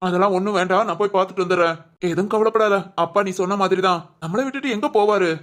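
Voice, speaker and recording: A performer voicing an earnest, protective young adult son in an animated family drama, reassuring his mother in quick talk. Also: medium pitch, lightly acted. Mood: concerned.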